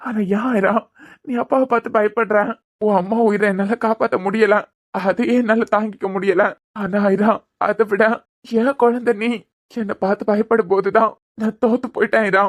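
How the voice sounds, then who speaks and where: A woman voicing a grieving young father, a doctor, who pleads softly and sorrowfully with his frightened daughter in Kanyakumari Tamil. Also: medium pitch, steady tone, moderate pace, lightly acted. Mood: pleading. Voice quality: pleading, sorrowful, repeating the child's name. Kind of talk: cartoon voice acting.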